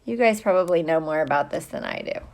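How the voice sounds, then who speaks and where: A middle-aged woman teacher hosts a livestream for her young students, chatting casually and playfully and drawing out her greetings. Her voice is on the low side and gravelly.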